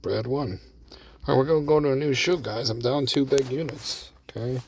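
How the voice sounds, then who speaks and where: At a slightly fast clip, a man with a medium-pitched, somewhat mellow voice talks through his play from inside his parked car. He's a gambling strategy vlogger with a laid-back style who curses often and addresses viewers as bro, recorded from a distance with slight background noise.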